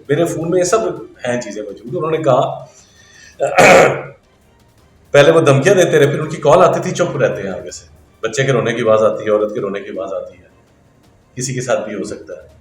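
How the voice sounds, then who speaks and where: A man's voice: mid-range voice, expressive, recorded from a distance, soft background music. A middle-aged man and interview guest, speaking earnestly and respectfully, often addressing his host as sir. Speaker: interview guest, engineering teacher. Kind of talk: interview answers. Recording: echoey room.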